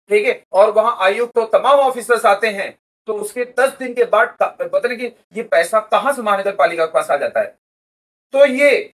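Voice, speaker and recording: Guy running a school, high voice, goes on explaining, says okay a lot. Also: a bit bright, low-quality recording. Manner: explanatory, keeps adding "theek hai". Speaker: school director. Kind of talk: interview answers.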